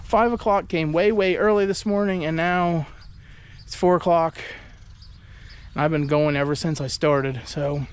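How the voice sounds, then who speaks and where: Speaking a little slowly with fairly even intonation, a man with a somewhat high, clean-toned voice talks through a casual vlog. He's exhausted from farm work, recording on his farm and in a pickup truck with an action camera held out at arm's length.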